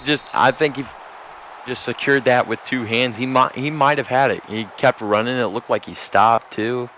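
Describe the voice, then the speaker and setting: A man giving play-by-play commentary on a video game football stream, measured and steady, rising to shouts on big plays. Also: medium pitch, slight background noise. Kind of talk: sports commentary.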